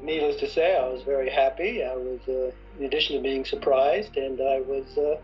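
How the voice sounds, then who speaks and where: Man, prize winner interview, earnest, halting, dull lo-fi audio, faint music. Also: medium pitch, fairly even intonation. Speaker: prize laureate. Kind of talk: interview answer.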